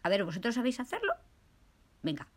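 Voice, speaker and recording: A woman's voice: fairly high pitch, wildly swooping pitch, fast. A woman from telling a children's story, playful and asking her listeners questions.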